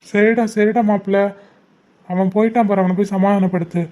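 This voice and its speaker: A woman voicing a gentle, reassuring older uncle in a homemade family drama. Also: mid-range voice, fairly even intonation, fairly quick, voice pushed down, close to an everyday voice.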